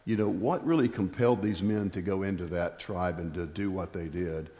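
A man's voice: deep voice, normal speed, warm tone. An older man hosting a faith interview, prompting his guest and affirming with short replies. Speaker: interview host. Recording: long hall reverb.

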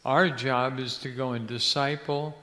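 Sounding sharp and fairly even in intonation, a mid-range male voice proceeds at a measured pace. The speaker, an older Ecuadorian man and missionary's son, is an interview guest who wanders through a long story, often restarting as he hunts for words. Every phrase trails off into long hall reverb.

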